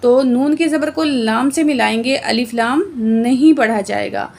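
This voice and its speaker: A woman teaching Quran recitation word by word, explaining the rules plainly and reciting verses slowly with drawn-out sounds. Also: fairly high pitch, gravelly, a little mellow, slight background noise. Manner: often adds "theek hai" to check understanding. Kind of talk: slow word-by-word recitation lesson.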